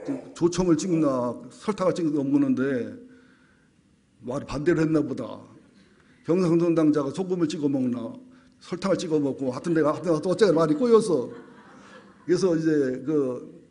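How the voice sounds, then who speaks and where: A man's voice: a little high, expressive, normal speed, dark tone. A middle-aged man, a senior pastor, preaching a humorous sermon in a church, telling folksy anecdotes and jokes. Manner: folksy storytelling with jokes, acts out voices. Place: church sanctuary.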